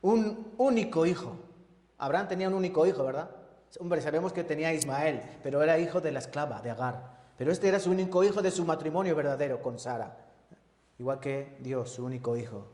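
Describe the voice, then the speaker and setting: A man's voice: a little high, fast talker, darkish tone. A man teaching a Bible sermon as an evangelist, often asking the congregation questions and checking with tag questions. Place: church. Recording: echoey church hall.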